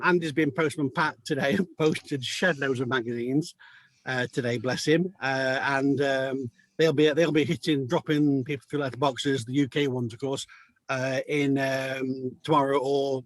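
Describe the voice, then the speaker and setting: A man's voice: mid-range voice, fairly even intonation, moderate pace, no echo. A man from the United Kingdom, a magazine editor, chatting casually on a video call with many restarts and fillers. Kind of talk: casual chat.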